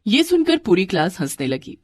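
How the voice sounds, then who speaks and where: A woman's voice: mid-range voice, huge pitch swings, normal speed, a little mellow, no room sound. Woman narrating a moral story.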